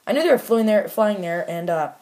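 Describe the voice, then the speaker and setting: A man's voice: sits high, animated, fairly quick, darkish tone. A man casually reviewing a toy set, rambling with lots of fillers and restarts and making offhand, mildly critical remarks.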